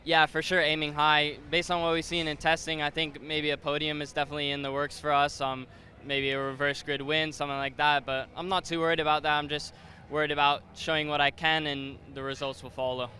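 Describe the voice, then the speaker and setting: A man's voice: a little high, flat delivery, a little fast, bright, forceful tone, a little hiss or hum. A young American man, a racing driver, answering interview questions in a laid-back way. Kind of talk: casual interview.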